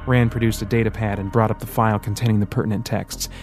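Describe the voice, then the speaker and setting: A man narrating an audiobook in steady, scripted storytelling. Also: lowish voice, quick pace, faint music behind.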